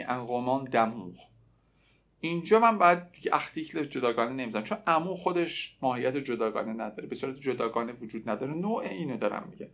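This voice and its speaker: Man teaching French. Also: medium pitch. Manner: explains in Persian, then repeats French phrases slowly. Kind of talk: casual language lesson.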